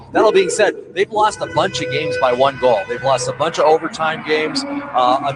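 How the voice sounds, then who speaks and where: A male color commentator breaking down a hockey matchup on radio in a loose, conversational way with lots of fillers. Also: fairly high pitch. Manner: conversational, many fillers and restarts. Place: arena broadcast booth. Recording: noisy arena radio feed.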